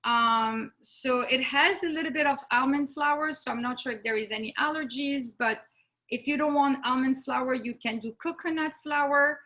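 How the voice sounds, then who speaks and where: Middle-aged woman, raised in Morocco and France, runs a relaxed cooking demo over a call; bright, slightly high, pausing often. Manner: unhurried, with frequent fillers and pauses. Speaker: home baker teaching a cooking demo. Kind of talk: casual online cooking demo. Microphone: video call.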